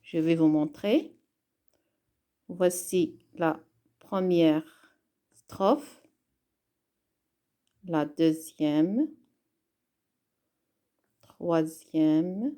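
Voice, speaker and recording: A woman teaching a reading lesson online, deliberate and spelling things out step by step. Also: low voice, dark tone. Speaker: primary school teacher.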